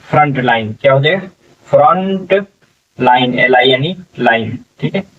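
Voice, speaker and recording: A male English teacher slowly sounding out words letter by letter in a spelling lesson, often checking in with the class. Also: mid-range voice, expressive, a bit bright. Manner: slow, drawn-out syllable-by-syllable sounding out; frequent "theek hai" check-ins. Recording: distant, dull lo-fi recording.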